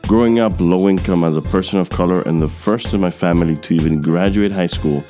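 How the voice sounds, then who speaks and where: A young man hosts a podcast interview. He reads a scripted opening, then slips into loose, halting talk full of ums and uhs. Soft music sits faintly behind him. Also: sits low. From Queens, New York. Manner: scripted intro, then halting with many fillers. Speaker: podcast host.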